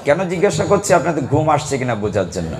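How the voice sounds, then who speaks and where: A man's voice: a little high, quick pace, a faint crowd. A man preaching a devotional sermon to a gathering, asking the audience questions and calling for responses. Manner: animated, asks the audience questions and calls for responses. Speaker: kirtan preacher.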